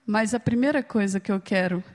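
A woman's voice: mid-range voice, a little fast. A woman from Brazil giving a humorous, storytelling sermon, playfully acting out the voices of the people she quotes. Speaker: speaker at a church gathering. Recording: long hall reverb.

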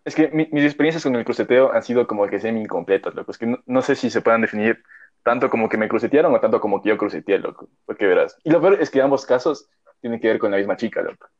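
A man's voice: mid-range voice, fast, a little mellow. A young man, telling a story in casual chat, rambling and full of slang and fillers. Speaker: podcast co-host. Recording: dull lo-fi audio.

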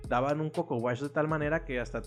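A man's voice: a little high, quick pace, soft background music. Slangy Mexican man telling stories. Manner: lively storyteller, slangy and swearing freely. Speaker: podcast co-host. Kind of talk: casual podcast chat.

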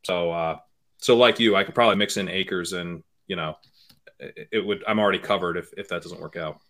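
A man who is a guest on a podcast, analyzing fantasy football picks in a hedging, casual way and often trailing off quietly. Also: low-pitched, brisk. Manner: hedging, many fillers and restarts, trails off quietly.

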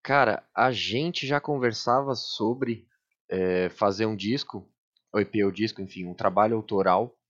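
A man's voice: fairly low pitch, unhurried, fairly bright tone, highs cut off. A man with a Brazilian Portuguese accent in casual podcast chat, explaining things in slangy everyday speech as a guest musician.

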